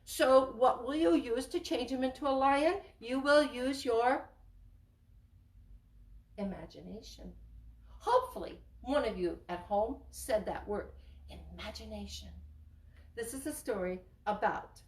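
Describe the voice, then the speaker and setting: A woman storyteller telling a children's fable in a playful, animated way, asking the listeners questions, recorded in a library room from a distant camera. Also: fairly high pitch, measured pace, echoey room.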